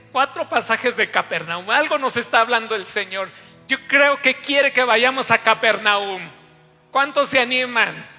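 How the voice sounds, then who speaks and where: Very high, bright-voiced preacher. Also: male voice. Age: 50s. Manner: storytelling, speaks straight to the congregation. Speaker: pastor. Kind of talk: sermon. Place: church hall. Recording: long church hall reverb, faint music.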